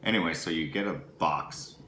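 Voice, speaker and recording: A man, co-hosting a casual chat and telling a story with lively acted-out quotes. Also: extremely low pitch, brisk. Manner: animated storyteller, acts out quotes. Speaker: podcast co-host. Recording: echoey room with faint background noise.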